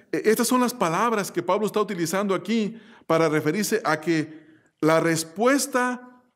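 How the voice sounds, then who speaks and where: Emphatic male preacher, fairly high voice. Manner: emphatic, repetitive, rhetorical questions. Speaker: pastor. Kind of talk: sermon.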